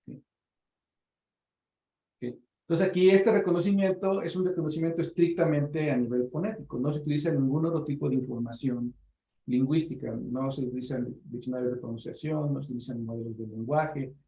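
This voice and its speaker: A man's voice: medium pitch, a little fast, warm tone. Man explaining in a roomy space. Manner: explanatory, uses fillers like "este". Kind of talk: explaining in a meeting.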